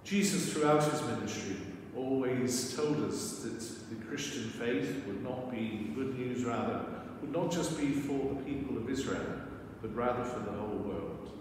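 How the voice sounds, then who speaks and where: A man's voice: mid-range voice, measured pace, hardly any pauses, recorded from a distance. Older guy priest preaching in a church, big cathedral echo, noisy recording. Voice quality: echoing, cathedral-like reverberant sound. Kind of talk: scripture reading and homily. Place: church sanctuary at a lectern. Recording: echoey church hall, long reverb, noisy.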